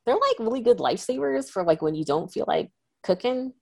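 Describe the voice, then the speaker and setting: A woman's voice: fairly high pitch, big pitch swings, a little fast, creaky, no room sound. A woman co-hosting a podcast in casual chat, blunt and offhand with casual swearing. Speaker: podcast co-host.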